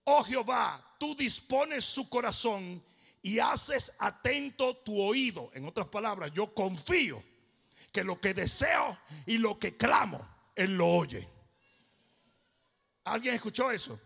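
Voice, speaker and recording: Fiery high-voiced male preacher, booming hall. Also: sing-song, slow, vocal fry, slightly rough. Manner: fervent preaching, shouting and half-singing phrases. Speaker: pastor. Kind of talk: sermon. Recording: long hall reverb.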